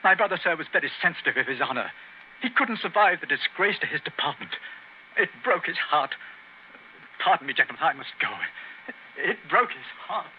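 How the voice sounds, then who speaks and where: A muffled, faintly hissing vintage radio drama has a man playing a grieving colonel. His voice is a little high, stiff with honor and melodramatic. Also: expressive, fairly quick, close to an everyday voice. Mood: grief-stricken. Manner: melodramatic, repeating himself. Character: haunted, grief-stricken gentleman colonel, stiffly honorable. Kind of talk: 1930s radio drama acting. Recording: muffled, hissy 1930s radio recording.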